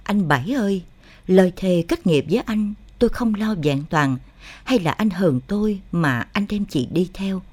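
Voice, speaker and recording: A woman's voice: mid-range voice, animated, moderate pace, a little mellow, no room sound, close to an everyday voice. A woman voicing a grieving middle-aged village man who wails a lament for his sworn brother. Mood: wailing grief. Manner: wailing lament.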